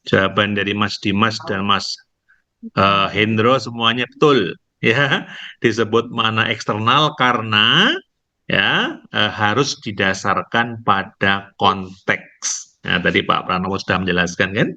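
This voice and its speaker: A male university lecturer giving an online lecture, explaining slowly and tagging nearly every phrase with a questioning "ya". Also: fairly low pitch, pushed and bright. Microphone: video call. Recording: dull lo-fi online call audio.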